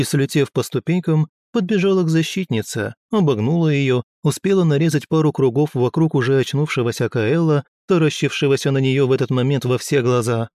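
A man's voice: medium pitch, a little mellow, no room sound, studio quality. A man narrating an audiobook with wry, ironic asides. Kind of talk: scripted narration.

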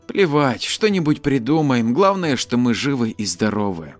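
A man's voice: medium pitch, big pitch swings, moderate pace, faint music behind, natural voice. A man voicing a practical, self-assured young woman who turns snappish when irritated. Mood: easygoing. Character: young woman time traveller, sharp and practical.

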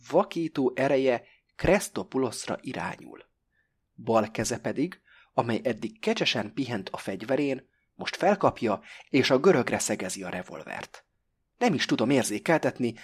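A man narrating a novel in the first person as an audiobook reader, measured and close to the mic. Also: mid-range voice, breathy edge.

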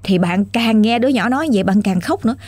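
A woman's voice: medium pitch, lively intonation, quick pace, darkish tone, dry recording. A woman with a Southern Vietnamese accent narrating a ghost story with emotional, repetitive exclaiming.

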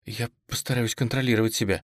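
A man's voice: fairly low pitch, fairly even intonation, quick pace, no echo, studio quality, natural voice. A man voicing a frightened, tearful young woman who pleads in a trembling voice, in an audiobook reading. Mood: anxious.

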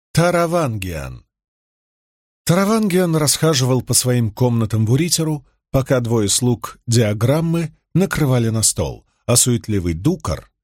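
A man reading a fantasy novel aloud as a measured, steady audiobook narrator. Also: mid-range voice, no room sound, clean studio sound.

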